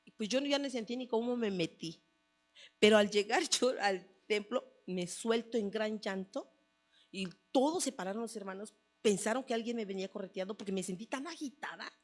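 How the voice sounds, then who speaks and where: A woman's voice: medium pitch, moderate pace. A woman, mother of a son, giving a personal testimony at a church service in an earnest storytelling manner, often repeating her phrases. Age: adult, mother of a son.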